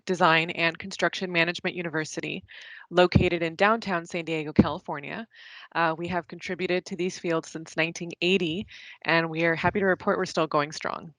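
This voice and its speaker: Woman, slightly low voice, friendly panel moderator, dry close sound. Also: a bit bright, dry recording. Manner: friendly, welcoming, with filler pauses. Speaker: university field representative and moderator.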